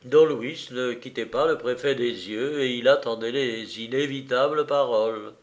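A man narrating a novel in a deliberate, even-toned reading. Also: mid-range voice. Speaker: audiobook narrator. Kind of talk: scripted narration.

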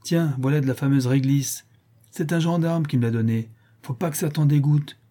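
A man's voice: a little high, moderate pace, dark tone, voice pushed up, close to an everyday voice. A man reading aloud and voicing a sly, taunting street boy. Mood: jeering. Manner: jeering, cheeky.

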